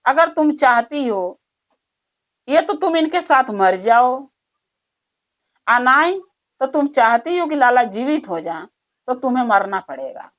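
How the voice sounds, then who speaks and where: A woman voicing a calm, wise elderly male holy man in a storytelling. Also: sits high, a little slow, long pauses, heavily acted. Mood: instructing. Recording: dull muffled recording.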